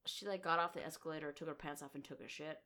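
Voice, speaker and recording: Brash, bright-voiced young woman. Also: low-pitched, fairly even intonation, fast talker. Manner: brash, profane, laughing. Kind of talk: casual chat.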